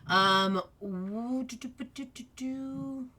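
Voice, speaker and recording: A woman's voice: on the high side, slow, bright, forceful tone. A woman speaking as game master, casually narrating a tabletop role-playing game and calling for rolls.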